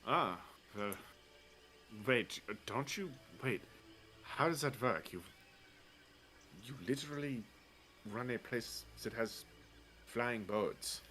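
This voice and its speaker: Male tabletop player, mid pitch, casual banter, light music behind. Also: animated, takes it slowly, long pauses, sharp tone. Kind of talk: casual chat, in-game banter.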